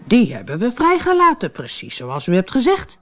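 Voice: mid-range voice, wildly swooping pitch, moderate pace, faint music behind, voice pushed up. Timid hesitant pirate bosun, done by the narrator, storybook, swingy voice. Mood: eager.

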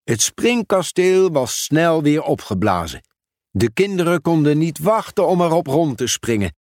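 A man reading a children's storybook aloud in a measured, expressive way. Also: a little high, dry recording, studio quality. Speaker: narrator.

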